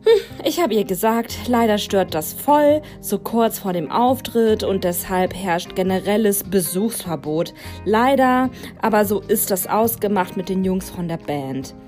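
A woman narrating a youth storybook in a lively way, putting on the characters' dialogue as she reads. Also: mid-range voice, a little slow, few pauses, soft background music. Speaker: audiobook narrator.

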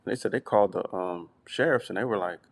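A man's voice: deep voice, quick pace, vocal fry. A middle-aged man co-hosting a casual podcast chat, telling stories and often repeating his words. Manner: storytelling, repeats words, often says "you know what I'm saying". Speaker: podcast co-host.

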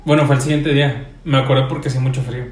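A man's voice: mid-range voice, flat delivery, rapid-fire, echoey room. A young man with a Mexican Spanish accent, chatting casually and teasingly with a friend, ending nearly every phrase with slang filler. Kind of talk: casual chat.

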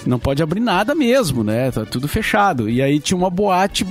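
A man's voice: a little high, big pitch swings, fairly quick, faint music behind. A man with a Brazilian Portuguese accent from Porto Alegre, chatting casually as a co-host in a group talk.

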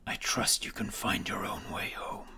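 A man voicing a menacing winged serpent lord in whispered role-play, coaxing and threatening with slow, breathy control. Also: low voice, bright, forceful tone, full character voice.

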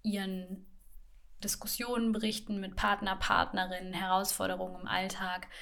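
A woman with a gravelly, fry-tinged voice at a middle pitch, chatting casually as a podcast co-host. She talks in a lively, easygoing way, laughing often and dropping in English phrases. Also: brisk.

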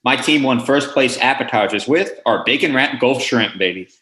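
A man's voice: mid-range voice, lively intonation, bright, forceful tone, roomy sound. A man hosting a podcast, chatting casually and teasing his co-host with jokes. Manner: quick, joking, teasing.

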